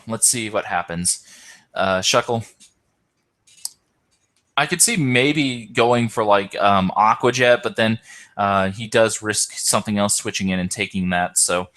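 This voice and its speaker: A man's voice: on the low side, lively intonation, measured pace, a bit bright. A tired man hosting and commentating an online game tournament, hesitant, with many ums and self-corrections. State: tired, yawning.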